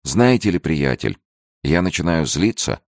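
A man voicing a wry, self-assured gentleman. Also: a bass voice, sing-song, measured pace, vocal fry, dry recording, studio quality, pitched above the performer's own voice, full character voice. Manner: half-joking, coolly polite.

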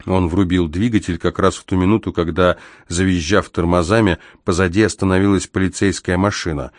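A man narrates a first-person adventure story at a measured, even pace. His voice is very low and deep. The recording is dry and close, with no room sound. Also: no room sound. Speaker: audiobook narrator.

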